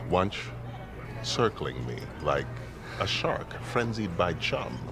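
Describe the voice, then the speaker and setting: An actor playing a grandiose, withering sitcom police captain, formal, pompous and deadpan in his wording. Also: sits low, takes it slowly, over music, full character voice. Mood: melodramatic gloom. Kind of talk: sitcom acting.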